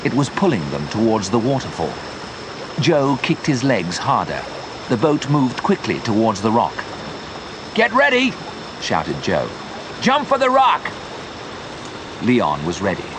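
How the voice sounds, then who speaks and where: A man narrating a simple story slowly and clearly for English learners. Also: lowish voice, noisy background. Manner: slow, clear, expressive.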